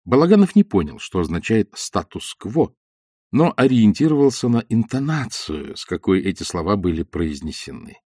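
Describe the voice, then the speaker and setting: A man giving an expressive, theatrical audiobook narration of a novel. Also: on the low side, moderate pace, slightly rough, dry recording, clean studio sound. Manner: animated, theatrical reading. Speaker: audiobook reader.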